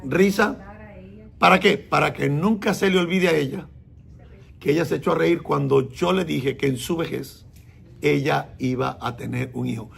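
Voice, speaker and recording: A man's voice: on the high side, vocal fry. A man, a messianic rabbi, teaching a sermon and questioning the congregation as he explains. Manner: explains slowly and repeats words, asks the congregation questions.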